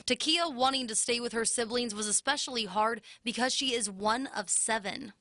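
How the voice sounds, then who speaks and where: Lady reporter voiceover for a tv news story, bright forceful voice, slightly high. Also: moderate pace. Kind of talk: scripted news feature narration.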